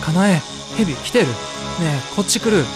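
A man voicing a shrill, frightened young woman. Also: lively intonation, drawn-out words, loud music behind the voice, heavily acted. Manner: shrill, alarmed cries.

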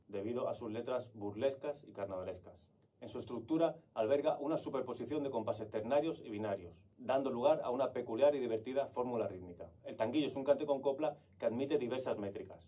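A man teaches flamenco clapping patterns at a brisk clip and counts beats out loud. His voice has a slightly husky edge. He sounds set back from the microphone. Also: medium pitch, far from the mic. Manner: explanatory, counts beats aloud. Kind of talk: online music lesson.

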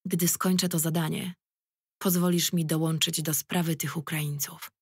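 A woman's voice: low-pitched, flat delivery, normal speed, darkish tone, breathy edge, no echo, studio quality. A woman voicing a tough, sarcastic young policewoman who swears and speaks curtly and ironically. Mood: sarcastic, angry.

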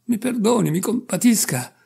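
A man reading aloud and voicing an anxious, apologetic middle-aged barber who keeps coaxing and pleading, in a husky, gravelly voice. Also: high voice, expressive, moderate pace, a little mellow, voice pushed up, exaggerated voice. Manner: apologetic, wheedling, nervous.

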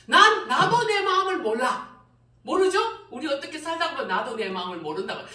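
A middle-aged woman pastor preaches a testimony, laughing often and acting out her own cries to God. Her voice is high and bright and swings widely in pitch. It comes from a distance and echoes through a roomy hall. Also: big pitch swings, a little fast. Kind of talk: testimony sermon.

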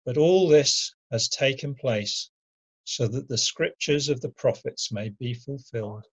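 A man reading the part of a solemn, resolute Jesus in a dramatic scripture reading, with a husky voice. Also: mid-range voice, unhurried. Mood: reproachful, resigned. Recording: muffled lo-fi home recording.

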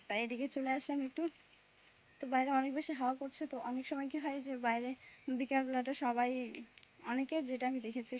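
A young woman from West Bengal chatting casually to her viewers in a vlog, with lots of fillers, calling them guys. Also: high-pitched. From West Bengal, India. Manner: speaking softly in a hushed voice. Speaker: vlogger. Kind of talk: casual vlog chat to camera. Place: village home, indoors and outdoors. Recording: dull lo-fi phone audio with faint noise.

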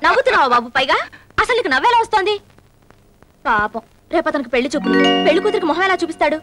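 A woman playing a young actress heroine in a film comedy who gives quick scolding retorts and cries out for help. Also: very high voice, animated, loud music behind the voice. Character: sharp-tongued young heroine. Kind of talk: Telugu film comedy acting.

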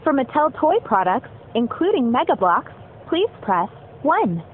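A woman's recorded phone menu message, a polite, measured scripted announcement for a customer service line. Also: high-pitched, big pitch swings. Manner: polite, measured, evenly paced. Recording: tinny phone line with faint hiss.

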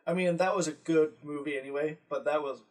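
A man's voice: a little high, fairly quick, far from the mic, crowd noise, low-quality recording. Brief: male co-host a little away from the mic, easygoing, agreeable. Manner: agreeable, frequent short yeses. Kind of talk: casual chat.

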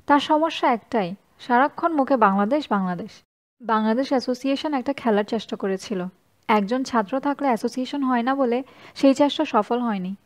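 A woman reading a first-person story as an audiobook narrator, in an even, measured way. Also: a little high.

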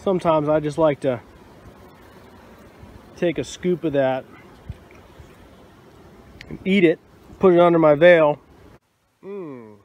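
Slow and fairly high-pitched, with long pauses, a beekeeper in his thirties explains things casually, fillers included, in an instructional vlog. He films at a bee yard with a phone at arm's length, and faint outdoor noise can be heard.

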